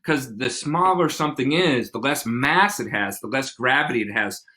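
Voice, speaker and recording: A middle-aged man talks science to a young audience, full of enthusiasm. He acts out small scenes to make a point. His voice is bright and forceful. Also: medium pitch, lively intonation, normal speed. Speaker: host. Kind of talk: explaining science to kids on a live stream.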